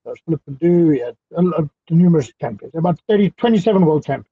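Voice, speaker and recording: A man in his thirties with a South African accent, a guest fighter, talks casually over a headset on a video call from a small indoor room. His voice is fairly high, quick and husky, with no room sound in the muffled, lo-fi call audio. He's relaxed and chatty and laughs easily.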